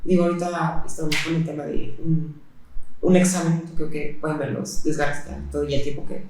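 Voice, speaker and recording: A woman recounts her experiences in an interview, speaking in a flat, even tone. She talks haltingly, filling her pauses with hesitations. The recording is heavily echoey. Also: low voice, background noise. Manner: halting, with frequent fillers and pauses. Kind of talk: personal testimony in interview. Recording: very echoey room.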